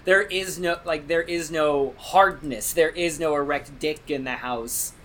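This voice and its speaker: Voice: mid-range voice, unhurried, a bit bright, slight background noise. A speaker on a movie podcast reading symbolism into a film, playful, often restarting sentences and filling with "like.". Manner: analytical but playful, self-correcting, many "like"s. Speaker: podcast co-host or guest. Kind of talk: casual movie-discussion podcast chat.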